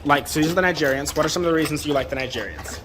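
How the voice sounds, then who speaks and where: A man's voice: a little high, racing. A man hosting a casual on-location interview inside a barn, asking questions in an informal way. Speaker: host interviewer. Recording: noisy barn with animal sounds. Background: animals and farm noise.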